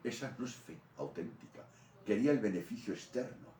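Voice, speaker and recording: A man's voice: lowish voice, brisk, background noise. Spanish man preaching sermon, swings up and down a lot, roomy echo, mic far off. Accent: Spanish from Spain. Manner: animated storytelling preaching, rising to loud peaks.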